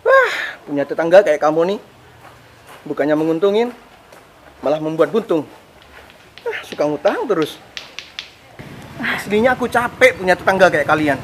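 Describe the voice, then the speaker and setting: An actor playing a harsh, rude shopkeeper neighbor who scolds a debtor, with a husky, belittling voice in a web drama. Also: male voice, fairly high pitch, sing-song, moderate pace, pauses often, a bit bright, a little hiss or hum. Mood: grumbling. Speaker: neighbor shop owner.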